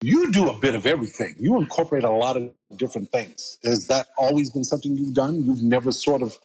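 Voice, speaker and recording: Measured male radio host. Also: mid-range voice, expressive, a little mellow, husky, rough recording. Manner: measured, asks long framing questions. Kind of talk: radio interview.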